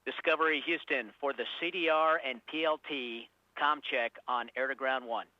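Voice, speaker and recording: A man giving measured, formal procedural calls as a mission control communicator in astronaut radio style. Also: medium pitch, a little hiss or hum. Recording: dull band-limited radio link.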